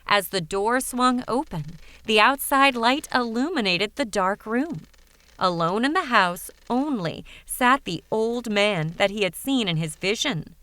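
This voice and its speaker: A woman narrating a fairytale audiobook in a measured, even way. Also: fairly high pitch, dry recording. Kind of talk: scripted storybook narration.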